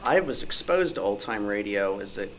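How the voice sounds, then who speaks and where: In an indoor club meeting room, an old-time radio researcher and author gives an informal talk full of anecdotes and self-deprecating humor. His lowish voice is expressive and moves at normal speed. The recording is very noisy.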